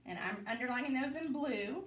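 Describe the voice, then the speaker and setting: A woman teacher runs a phonics lesson in a classroom, her high voice upbeat and coaxing as she quizzes students by name. She sounds distant from the mic, and the room is roomy and echoey. Steady noise sits behind her. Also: fairly quick.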